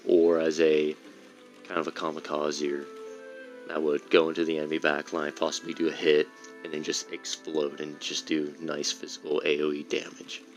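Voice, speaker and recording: A man giving casual, rambling commentary while playing a game, often correcting himself mid-sentence. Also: a bass voice. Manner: rambling, self-correcting explanations. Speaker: gameplay streamer.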